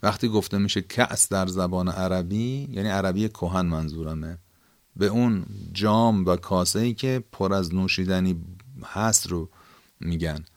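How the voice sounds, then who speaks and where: In an echo-free recording, a low-pitched man with an Iranian Persian accent teaches a Quran lesson on word meanings. He keeps it conversational and explanatory, rephrasing the important points.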